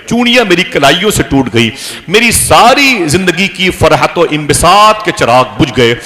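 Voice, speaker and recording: A woman's voice: sits low, fairly bright tone, pitched above the performer's own voice. A man voicing a grieving young widow. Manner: wailing, lamenting.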